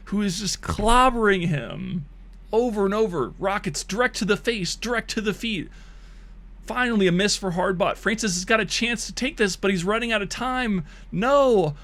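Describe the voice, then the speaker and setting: Crude jokes and laughter punctuate a man's hyped mock esports commentary of bot matches on his stream. His voice sits high with a fairly bright tone and is wearing thin as he loses it.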